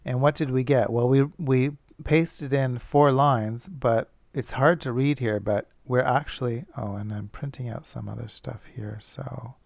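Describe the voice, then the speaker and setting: A man's voice: mid-range voice, steady tone, a little slow, vocal fry, hardly any pauses, a little mellow, no echo. A male teacher thinking aloud as he works through a coding problem, casual and self-correcting. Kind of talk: screencast coding lesson.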